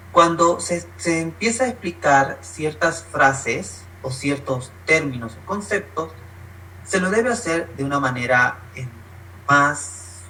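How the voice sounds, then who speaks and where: Heard from a distance on a rough recording with a little hiss or hum, this man has a bright, forceful tone. He leads an online workshop, walking through points one at a time, performing brief spoken examples and varying his pitch to stress ideas.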